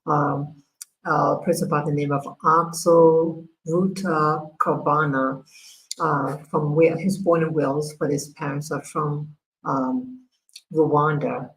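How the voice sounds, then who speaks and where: A woman from America hosting a casual livestream, talking haltingly with many fillers and restarts while she works her screen. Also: sits low, fairly even intonation, a little hiss or hum, poor audio. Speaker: livestream host.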